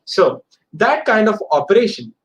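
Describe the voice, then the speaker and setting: A man with an Indian accent runs a casual live coding lesson, his high voice swinging widely in pitch at a normal speed. He tends to repeat phrases and tacks on short tags to make sure students are following.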